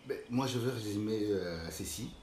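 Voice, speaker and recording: An older man from Congo speaks in a very low voice, explaining his views at a measured pace. The room adds a clear echo. Faint background noise sits underneath. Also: darkish tone. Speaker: guest. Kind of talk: interview answers.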